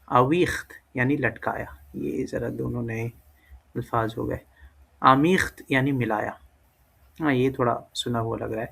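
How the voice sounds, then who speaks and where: A man talks through a language lesson in an easy, unhurried way. His voice carries a gravelly edge at mid pitch. He thinks aloud, trails off into fillers and stops to correct himself. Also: fairly even intonation, a bit bright. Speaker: language teacher. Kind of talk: casual screen-recorded lesson.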